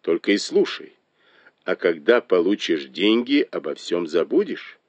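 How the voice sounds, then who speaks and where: A man reading aloud and voicing a shrewd, sharp-tongued noblewoman who scolds and mocks her husband. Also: deep voice, very animated, measured pace, no echo, dull audio, heavily acted. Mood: guarded. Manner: mocking, reproachful.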